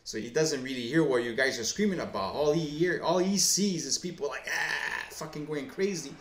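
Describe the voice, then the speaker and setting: A man's voice: a little high, normal speed, fairly bright tone. A man hosting a gaming video, talking casually to camera. He rambles and swears often, with many fillers and restarts. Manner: profane, rambling storyteller full of fillers and restarts. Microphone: face cam setup. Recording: echoey room.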